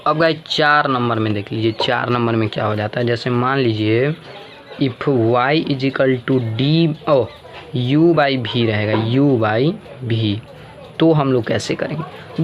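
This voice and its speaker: Patient man teaching maths, unhurried and repetitive, with music behind him. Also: medium pitch. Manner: slow, repetitive, checks in with "samjhe na guys". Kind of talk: chalkboard maths lesson.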